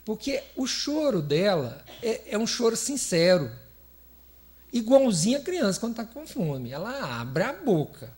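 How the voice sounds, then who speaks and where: A man's voice: high-pitched, very animated, measured pace, a little mellow. A man from Brazil giving a chatty, playful spiritist lecture, laughing often and putting questions to his audience. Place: lecture hall of a spiritist center.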